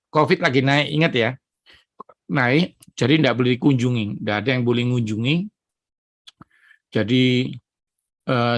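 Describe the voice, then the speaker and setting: A man's voice: mid-range voice, a bit bright, no room sound, studio quality. A middle-aged man preaching a sermon, giving an emotional personal testimony and speaking directly to the congregation. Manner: emotional, addresses congregation as saudara.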